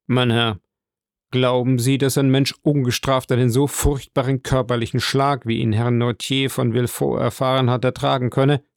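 A man's voice: mid-range voice, level tone, normal speed, dry recording, clean studio sound, lightly acted. A man voicing a cool, sceptical middle-aged magistrate in a read-aloud story, formal in his speech.

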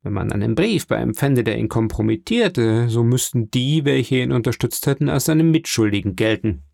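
A man's voice: mid-range voice, animated, moderate pace, vocal fry, a little mellow, no room sound, studio quality. A man reading an audiobook and voicing a scheming, cunning male accountant in a sly, insinuating manner. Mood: threatening.

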